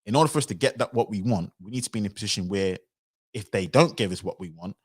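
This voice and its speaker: Fast-talking man on a livestream. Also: on the low side, breathy edge. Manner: animated, acts out quoted voices. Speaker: livestream commentator. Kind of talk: livestream commentary.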